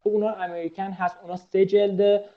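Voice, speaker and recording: A man's voice: sits high, level tone, phone-quality sound. A man teaching an IELTS webinar in a chatty, casual lecture style, full of fillers and English terms.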